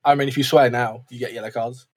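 A man talking quickly in a slightly husky voice during a casual gaming chat. He rambles, stacking up fillers as he works through his points. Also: mid-range voice, fairly even intonation.

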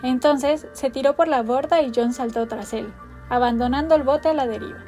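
A woman narrating a storybook with an expressive, theatrical delivery. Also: high-pitched, moderate pace, soft background music.

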